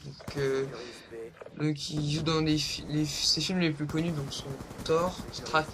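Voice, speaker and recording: A man's voice: fairly high pitch, fairly even intonation, slow, background noise. A young man hosting a casual countdown vlog, hesitant, with lots of fillers and rambling asides. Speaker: vlogger. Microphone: low-quality home recording.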